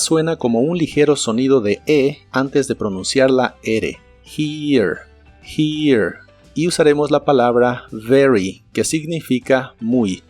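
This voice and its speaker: A man narrating a scripted English lesson in Spanish, slowly modeling each English word's pronunciation. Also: medium pitch, breathy edge. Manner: slow, careful model pronunciation of English words. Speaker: English teacher.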